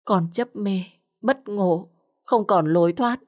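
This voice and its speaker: A tearful young woman pleading and begging, voiced by a woman reading an audio story. Her voice is raised higher than the reader's usual tone and sounds choked with crying. The delivery is urgent and plaintive. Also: slow pace, a little mellow, natural voice.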